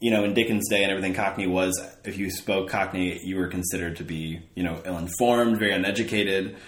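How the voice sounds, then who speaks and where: A man's voice: low-pitched, fairly even intonation, quick pace, reverberant. A man from Arkansas with a neutral, non-regional accent, hosting a casual interview in a chatty, curious and joking way. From Southwest Arkansas, US. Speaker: podcast host.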